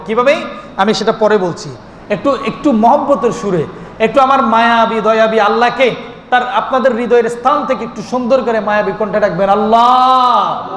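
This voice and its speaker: A man's voice: extremely high pitch, a bit bright, slight background noise. A man preaching a waz sermon, rhythmic and repetitive, asking the crowd questions and chanting at times. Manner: chants and sings the name of God. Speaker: Islamic preacher. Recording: echoing amplified sound in a long reverberant space.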